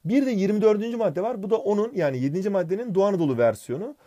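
Fast-talking joking male teacher. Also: sits high, warm tone, lo-fi sound. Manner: fast, joking, addresses sidekick by name. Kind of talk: comedic exam-prep lesson.

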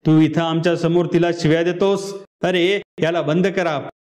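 A man's voice: on the high side, fairly even intonation, moderate pace, a little mellow, natural voice. A man voicing an impatient police officer who questions people sharply and scolds them. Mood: scolding.

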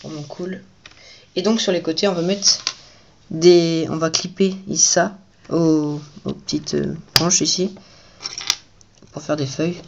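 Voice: mid-range voice, fairly even intonation, measured pace, long pauses, highs cut off, noisy background. A toy reviewer giving casual commentary while building a set at home at night, chatty and repeating the same praise.

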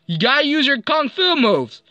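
A woman's voice: high-pitched, big pitch swings, moderate pace, pushed and bright, no room sound, full character voice. A woman voicing a bossy, scatterbrained karate teacher who scolds the kids in a homemade toy skit. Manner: scolding, sing-song, swooping voice. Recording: dull lo-fi recording with faint noise.

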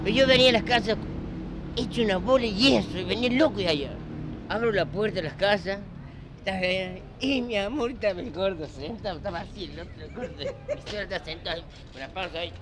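A man with a Córdoba Argentine accent telling a story with animated energy, shouting the lines he quotes. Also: sits high, fast, crowd noise.

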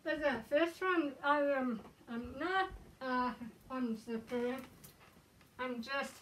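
A woman's voice: sits high, slow, fairly bright tone, a little hiss or hum. A woman speaking through a balaclava, talking casually and hesitantly with many ums and uhs while she demonstrates something. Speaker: fursuiter showing how to suit up. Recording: voice from a distance.

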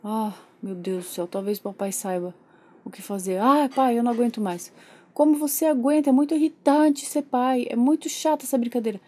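A fed-up young father complains in an exasperated, whiny tone, as a woman plays him. His voice sits on the high side as he grumbles through this playful toy soap opera. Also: brisk, warm tone, close to an everyday voice. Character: frustrated young man, reluctant new father.

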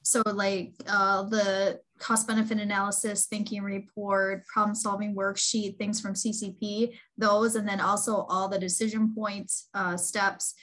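A woman speaking on a video call panel with a mid-range voice. She is quick and helpful, scattering "um" between her points as she offers shared material. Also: medium pitch, level tone, fairly bright tone, rough recording. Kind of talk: virtual panel discussion.

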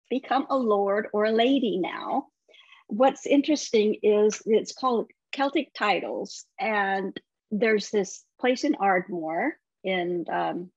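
Husky woman correspondent on a remote feed. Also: mid-range voice, no echo, lo-fi sound. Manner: chatty, laughs often, many restarts. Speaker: entertainment correspondent. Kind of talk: casual TV segment chat.

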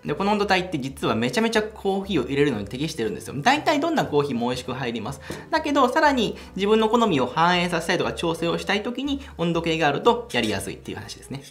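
In a casual how-to, a young man running a coffee channel shows off brewing in his little home café room. His slightly high voice is very animated and quick with few pauses; he chats excitedly and laughs as he explains, backed by music.

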